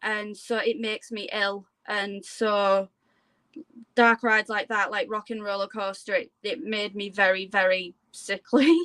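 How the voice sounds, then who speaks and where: A woman's voice: mid-range voice, level tone, measured pace, fairly bright tone, clean tone, dry recording. A woman talking casually as a guest in an interview. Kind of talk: casual chat.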